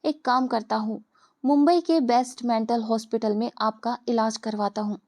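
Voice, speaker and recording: A woman's voice: on the high side, steady tone, normal speed, a little mellow, natural voice. A woman voicing an arrogant, cold young rich man who talks in a cool, sarcastic, dismissive way. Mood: scornful.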